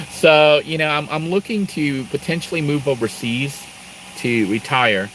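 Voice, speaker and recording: A man's voice: a little high, a little slow, a bit bright, a little hiss or hum, low-quality recording. A middle-aged man from Thailand chatting casually on a live stream, rambling through asides and laughing now and then. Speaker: live-stream host, Air Force veteran.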